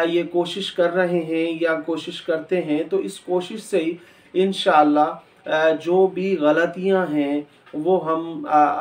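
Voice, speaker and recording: A man gives a slow, careful pronunciation lesson, spelling out each word letter by letter. His voice sits a little higher than usual and is recorded from a distance in an echoey room. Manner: formal polite address to viewers. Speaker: Urdu pronunciation teacher. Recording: echoey room, a bit far from the mic.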